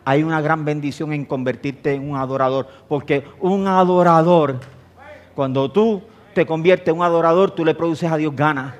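Pastor guy, middle-aged, kinda high voice, tells stories and laughs as he preaches. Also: normal speed, lo-fi sound. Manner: animated storytelling, laughing, acting out voices. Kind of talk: sermon.

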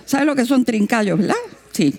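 A woman preaching a sermon, telling a missionary story and acting out the voices in it. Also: moderate pace. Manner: lively, acts out quoted voices with big pitch jumps.

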